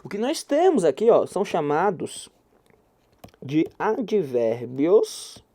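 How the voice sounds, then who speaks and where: A male Portuguese teacher with a Goiás accent gives an anecdotal grammar lecture. His pitch swings widely as he tells stories, and he slips into the voices of the people he quotes. The delivery is animated and conversational. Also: slow. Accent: Goiás Brazilian Portuguese. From Goiás, Brazil.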